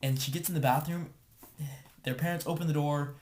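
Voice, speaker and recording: A man's voice: a little high, steady tone, brisk, a little mellow, slight background noise. A young man casually telling a story to the camera, rambling and filling his talk with "like.". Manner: rambling, filler-heavy with constant "like".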